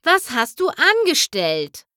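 A woman's voice: sits high, huge pitch swings, slow, bright, forceful tone, no echo, studio quality, voice pushed up, exaggerated voice. A woman reading aloud and voicing an exasperated female pony who scolds sternly.

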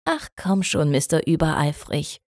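A woman's voice: medium pitch, lively intonation, slow pace, warm tone, no echo, clean studio sound, voice pushed up. A woman reading a German storybook, voicing a playful pony princess who teases her husband affectionately. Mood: teasing. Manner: teasing, affectionate.

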